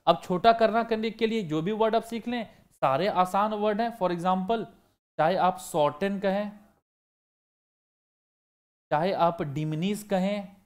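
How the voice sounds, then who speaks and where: Man teaching, answering his own questions. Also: high-pitched. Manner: asks questions and answers them himself, repeating key words. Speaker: exam prep teacher. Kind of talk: online vocabulary lesson.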